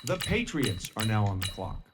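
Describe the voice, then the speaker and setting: A man voicing a draft announcer in a football video game, making formulaic, measured calls in a formal style. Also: fairly low pitch, sing-song, noisy background. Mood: formal announcing.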